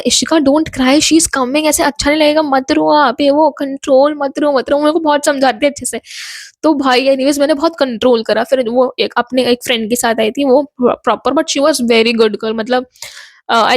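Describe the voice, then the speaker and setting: A woman's voice: sits high, no echo. A young woman from India, telling a rambling story-time vlog and mixing in English phrases. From Ghaziabad, North India. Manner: chatty, rambling, mixes Hindi and English. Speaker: vlogger.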